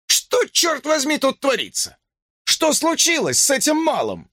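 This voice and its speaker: A man voicing a burly male police officer who shouts in alarm, his voice pushed high. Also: huge pitch swings, measured pace, no room sound, studio quality, heavily acted. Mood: alarmed shouting.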